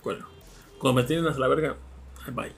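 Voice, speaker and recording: Mexican podcast co-host, man, fast and husky, crude jokes. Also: mid-range voice. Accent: Mexican Spanish. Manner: quick, joking, crude slang. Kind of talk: casual chat.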